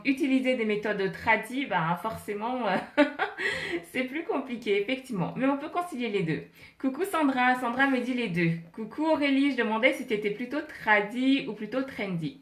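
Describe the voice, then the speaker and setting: A woman's voice: fairly high pitch, echoey room. Chatty woman live-streaming from her phone. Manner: chatty, laughs often, greets viewers by name. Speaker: MLM coach hosting a live stream. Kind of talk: casual live-stream chat with viewers. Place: home office, indoors. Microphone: phone held in hand.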